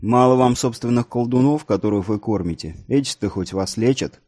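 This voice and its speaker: A man reading an audiobook, voicing a small, calm, stern bearded warrior who speaks firmly. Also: mid-range voice, brisk, close to an everyday voice.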